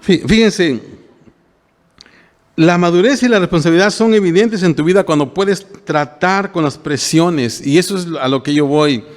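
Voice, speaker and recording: With a long reverb tail trailing his words, an older male pastor speaks at a moderate pace in a high voice. His sermon is homely and plain-spoken, and he frequently turns to the congregation with "¿verdad?".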